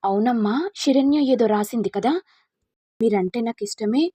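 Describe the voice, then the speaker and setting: A scheming young woman with a mocking way of talking, as a woman reading a story puts her on. The voice is husky and mellow, recorded dry. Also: a little high, normal speed, dry recording.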